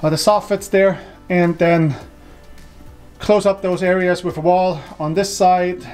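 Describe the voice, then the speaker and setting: A man's voice: sits high, a little slow, soft background music. Man talking through an echoey attic. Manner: relaxed, thinking aloud with many ums and restarts. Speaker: home renovation vlogger. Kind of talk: casual walkthrough narration. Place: large wooden attic under renovation, indoors. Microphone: camera mic, often off-camera.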